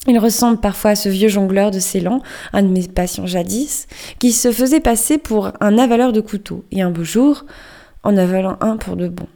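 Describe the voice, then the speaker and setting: A garrulous male ship's doctor, as a woman reads him in a storybook reading. He lectures with a knowing, anecdotal air. The tone is soft and mellow. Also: medium pitch, normal speed, natural voice. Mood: chatty.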